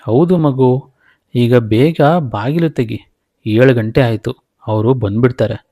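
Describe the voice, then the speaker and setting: A man's voice: mid-range voice, slow pace, warm tone, no echo, studio quality. A man voicing a ghost that poses as a loving mother, coaxing and insistent.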